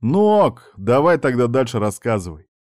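A man's voice: medium pitch, very animated, normal speed, darkish tone, dry recording, lightly acted. A teasing young best friend ribs his pal with easy mockery, voiced by a male reader close to his own voice. The delivery stays light and sly. The sound is dry and close. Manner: joking, mocking.

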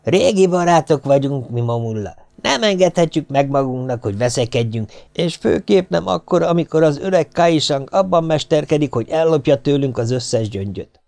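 A boastful, scheming sailor speaks with a raised, lecturing tone and smooth lies, as a male reader puts him on. He talks down to his listener in a tight, dry recording. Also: fairly high pitch, lively intonation, a little mellow, dry recording, voice pushed up. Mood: wheedling. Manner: condescending, smoothly lying.

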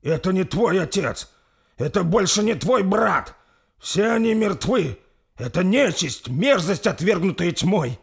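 Man doing a warrior yelling at his king to snap out of it, high and urgent. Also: lively intonation, a little slow, creaky, husky, heavily acted. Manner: urgent, pleading.

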